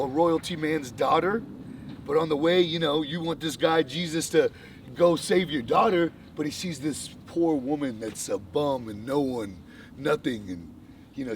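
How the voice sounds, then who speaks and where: A young man tells a story in a loose, slangy, animated vlog style, full of fillers. His voice sits at an ordinary middle pitch. He is a bit away from the mic, with faint ambient noise and passing vehicles behind him. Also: distant mic. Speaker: vlogger. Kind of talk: casual chat.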